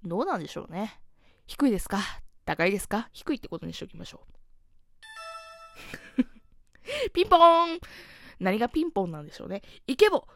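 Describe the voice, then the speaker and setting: A woman's voice: medium pitch, big pitch swings, fairly quick, vocal fry, long pauses, a little mellow, dry recording. A young woman with a Kansai accent hosting her own talk show, chatting casually and mocking herself with frequent laughs. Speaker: radio talk host.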